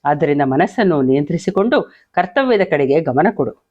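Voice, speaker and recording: A man voicing an elderly royal sage who gives measured counsel, on a dull lo-fi recording. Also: a little high, sing-song. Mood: counselling.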